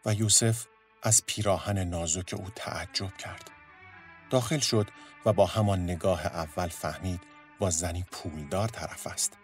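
A man narrating a story in a steady, measured storytelling voice. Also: deep voice, soft background music.

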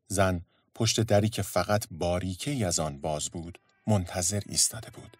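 A man narrating a story in a steady, measured storytelling voice. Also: low-pitched, no echo, faint music behind.

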